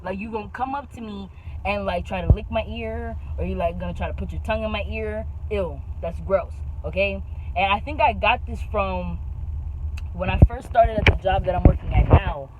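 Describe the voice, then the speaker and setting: A young woman vlogging in a casual chat, animated and slangy, leaning hard on "bro" and "like.". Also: medium pitch, normal speed, phone-quality sound, slight background noise.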